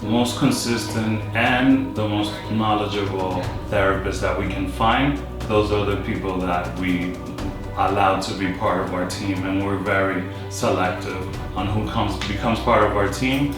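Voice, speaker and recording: A confident man with a somewhat low voice. He speaks from a distance in a very echoey space. Music runs underneath. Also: steady tone, a little slow. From Dominican Republic. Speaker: co-owner. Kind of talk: casual interview answers. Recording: echoey room, distant mic, music behind.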